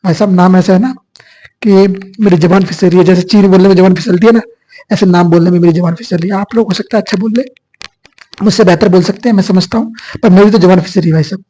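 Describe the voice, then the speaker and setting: A man's voice: sits high, fairly even intonation, quick pace, warm tone, rough recording. A male teacher giving an exam coaching lecture, asking questions and answering them himself. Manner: repetitive call-and-response questioning.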